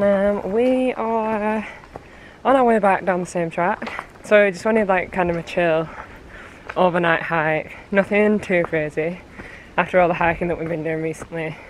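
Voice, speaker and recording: A woman's voice: on the low side, unhurried. A woman vlogging on a mountain hike, chatting casually and trailing off with fillers. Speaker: hiking vlogger. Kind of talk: casual vlog chat. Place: outdoors on a mountain track and in a backcountry hut.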